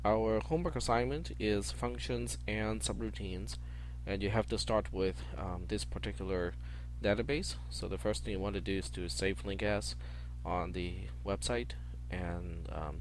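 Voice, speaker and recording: A man's voice: on the low side, slight background noise. A man giving an informal, methodical screencast tutorial as a programming instructor, explaining step by step into a headset mic.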